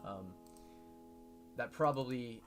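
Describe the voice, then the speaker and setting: A man talking through a casual coding tutorial, halting with many fillers and self-corrections. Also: mid-range voice. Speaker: modding tutorial host. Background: background music.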